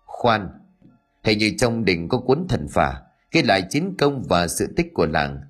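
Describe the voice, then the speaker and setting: A man's voice: lowish voice, big pitch swings, measured pace, faint music behind. A man voicing an aged, respected village elder in a storybook, talking in an anxious, earnest way. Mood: worried. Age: older.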